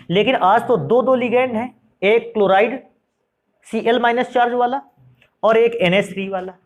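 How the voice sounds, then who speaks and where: A man teaching chemistry who asks his students questions and answers them himself, calling them "beta" and "bhaiya" in a friendly classroom lecture. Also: high voice.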